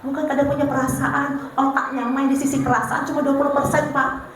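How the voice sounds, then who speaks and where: A high-pitched, middle-aged woman with a Banjar accent speaks at a parenting seminar, telling humorous stories and playing every part with animation. Her voice rings through a very reverberant hall with a faint hiss underneath. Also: brisk. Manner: animated, acts out her husband and herself in funny anecdotes. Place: large hall with an audience. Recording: very echoey hall, faint noise.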